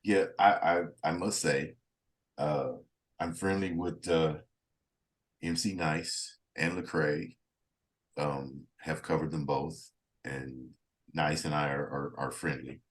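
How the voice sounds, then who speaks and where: Man, very low voice, interviewer, animated, acts out quotes. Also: slow. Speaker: interviewer, music reviewer. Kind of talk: casual interview talk.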